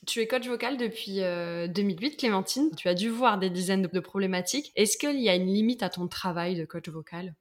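A woman podcast host with a mid-range voice asks her guest long, winding questions. She sounds engaged and enthusiastic, filling pauses as she builds each question. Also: medium pitch. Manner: engaged, enthusiastic, with frequent fillers. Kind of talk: interview questions.

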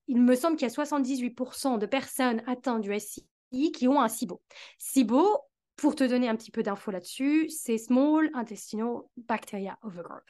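A woman with a high, light voice hosts a solo educational podcast. She explains each point earnestly and talks straight to the listener, as if advising one person. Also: a little mellow. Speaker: podcast host, digestive health specialist.

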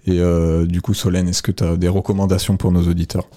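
A young man co-hosting a radio music show, talking through new rap releases in a relaxed, conversational way. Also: deep voice, a little fast. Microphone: studio microphone.

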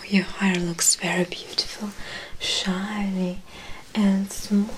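A woman whispering softly in an ASMR hairdressing roleplay. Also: medium pitch, little pitch movement, takes it slowly, background noise. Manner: soft unvoiced whispering.

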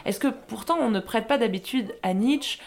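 Animatrice de balado au ton questionneur. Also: female voice, on the high side, moderate pace. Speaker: podcast host. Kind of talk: podcast talk.

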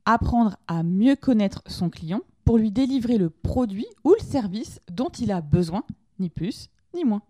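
A woman's voice: mid-range voice, animated, a little slow, warm tone, no room sound, studio quality. A woman hosting an informal lesson, explaining ideas conversationally and asking her listeners direct questions. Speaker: podcast host teaching lean management.

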